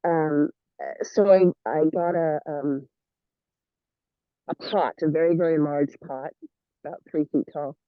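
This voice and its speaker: A man's voice: a little high, steady tone, no room sound. Casting: eager, rambling man on a muffled, dropping video call line, dry and dull sound. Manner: rambling, halting, full of restarts, eager. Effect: muffled, dropping video call stream. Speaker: fairy event organizer on a video call. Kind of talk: casual video call chat. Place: rural home.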